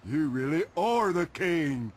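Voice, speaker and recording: A dim, awestruck cartoon junkyard dog. He talks slowly and a little high, with lively swings of pitch. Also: a little hiss or hum. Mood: admiring. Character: slow, admiring male junkyard dog sidekick. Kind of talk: cartoon voice acting.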